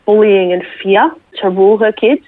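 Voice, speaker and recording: An Australian woman, a military veteran, sharing her story slowly and reflectively as an interview guest, with many small fillers. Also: medium pitch, no room sound. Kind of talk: personal testimony interview. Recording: tinny phone line, dry.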